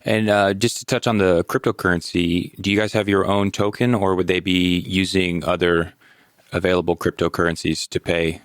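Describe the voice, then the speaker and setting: A man's voice: low voice, level tone, moderate pace, clear, resonant tone, dry recording, clean studio sound. A man chatting casually as a podcast host, with informal, laid-back phrasing. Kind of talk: casual interview chat.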